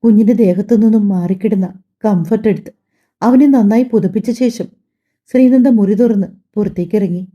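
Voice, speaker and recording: A woman reading a family drama audiobook aloud, telling the story softly and voicing every character herself. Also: mid-range voice, fairly quick, lo-fi sound. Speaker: audiobook narrator.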